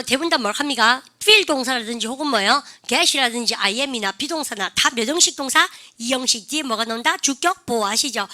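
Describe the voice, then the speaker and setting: A woman teaching an English speaking class, animated and drilling her students with prompts and slow, drawn-out example phrases. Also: high voice. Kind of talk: classroom lesson.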